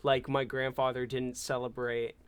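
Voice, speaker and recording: A man's voice: mid-range voice, flat delivery, moderate pace, clear, resonant tone. A man from California co-hosting a podcast, chatting casually and rambling with many restarts. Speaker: podcast co-host. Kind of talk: casual chat.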